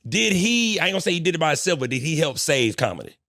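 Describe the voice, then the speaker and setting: A man's voice: on the high side, big pitch swings, fast talker, bright, forceful tone, no room sound, clean studio sound. A man hosting a podcast, chatting casually, teasing his guest and punctuating remarks with slang. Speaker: podcast host. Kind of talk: casual chat.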